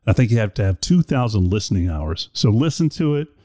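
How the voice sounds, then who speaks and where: A man's voice: on the low side, sing-song, brisk, warm tone, dry recording, clean studio sound. A man hosting a podcast in casual chat, talking in a rambling, chatty, self-deprecating way. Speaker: podcast host. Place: indoor room.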